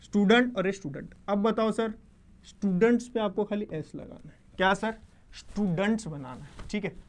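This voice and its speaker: A man with a high-pitched voice teaches an online exam-prep lecture at a moderate pace. He poses questions and answers them himself, checks in with the class often, and mixes Hindi with English definitions he reads aloud.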